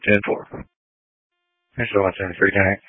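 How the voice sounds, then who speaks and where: A man's voice: low voice, flat delivery, moderate pace, husky, no room sound. Man calling in over police radio. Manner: clipped radio codes. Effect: two-way radio transmission. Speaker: fire engine crew member. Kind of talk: radio dispatch traffic. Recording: tinny narrow radio channel.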